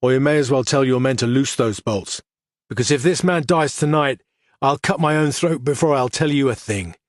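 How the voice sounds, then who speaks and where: A man voicing a defiant young woman who keeps her voice steady, in an audiobook. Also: mid-range voice, moderate pace, no room sound, studio quality, natural voice.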